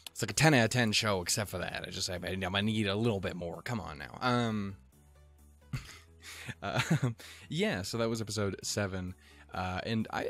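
A Montana man rambles through an anime episode with profane, jokey reactions, his fairly bright voice leaping into sudden goofy pitches.

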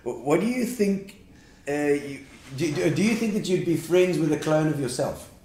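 A man's voice: a little high, expressive, normal speed, warm tone, reverberant, low-quality recording. A man hosting a casual interview, playful and teasing, laughing often as he asks his questions. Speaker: interview host.

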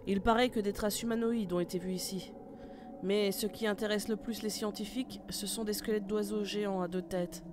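A woman's voice: mid-range voice, steady tone, moderate pace, background noise, close to an everyday voice. A woman voicing a tough female squad leader in an amateur horror audio drama, giving curt, commanding orders. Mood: steady. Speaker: team leader.

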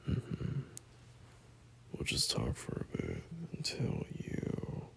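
Speaking slowly in a breathy half-whisper full of hesitant pauses, a man acts as a caring boyfriend putting his partner to bed in an ASMR roleplay. The tone is tender, tired and reassuring, lightly performed, with a little background noise.

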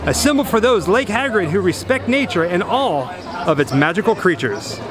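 A woman's voice: mid-range voice, very animated, normal speed. A woman hosting a vlog, narrating her visit to a theme park. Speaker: vlog host. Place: busy outdoor theme park. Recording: loud crowd and park noise behind.

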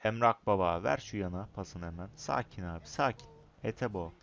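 A young man commentating his own football video game match, excitable, shouting at his players and chatting to viewers. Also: fairly low pitch, normal speed, gravelly, lo-fi sound. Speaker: gaming YouTuber.

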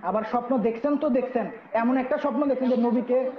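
A man's voice: very high voice, fairly quick, a little hiss or hum. A man hosting a heated online religious debate, correcting his guest and asking to finish his point. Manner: corrective, repeatedly asks to finish. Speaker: host of religious debate stream. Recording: muffled, roomy live-stream audio.

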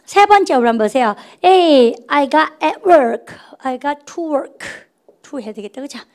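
Playful and talkative, a woman teaching grammar leads her students in call-and-response practice and speaks of herself as the teacher. Her voice is notably high, with a slightly mellow quality.

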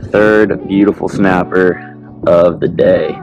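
A man's voice: deep voice, takes it slowly, highs cut off. Upbeat young man vlogging from a kayak. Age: young adult. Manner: upbeat, excited whoops when fish bite. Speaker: fishing vlogger. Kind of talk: casual vlog narration. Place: on a kayak at sea, outdoors. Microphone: action camera on the boat. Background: loud music bed.

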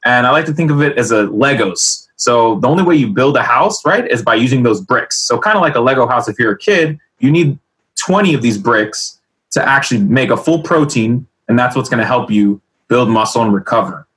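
Man, energetic podcast co-host, bright forceful voice, jokey, casual chat. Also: medium pitch, fairly quick, slightly rough, poor audio. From United States. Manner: energetic, jokey, laughs often. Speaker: co-host, sports dietitian.

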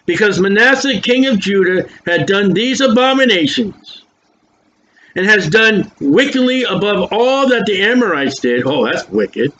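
Reading verses slowly, an elderly preacher with a high-pitched, rather bright voice adds emphatic, homespun asides between them. Dentures make his s sounds whistle, captured on a muffled lo-fi recording with a little noise.

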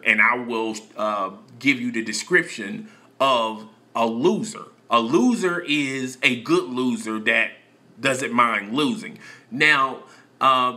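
A man's voice: mid-range voice, bright, forceful tone. A man giving opinionated, lecturing commentary in a casual voice-over.

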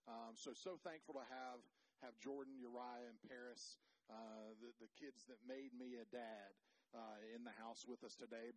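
A middle-aged man preaching to his church, stumbling over his words and starting his sentences again and again. His voice sits at an ordinary pitch, neither low nor high. He sounds emotional and loose, and he jokes with the congregation as he goes. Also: breathy edge, dry recording. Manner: halting, self-interrupting, emotional and playful. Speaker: pastor. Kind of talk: sermon. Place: church sanctuary.

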